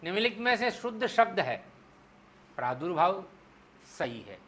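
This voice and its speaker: A man teaching Hindi spelling in an exam-prep lecture, explaining step by step and slowing down to spell out syllables. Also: sits high, sing-song, fairly bright tone. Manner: explains step by step, asks the class "clear?".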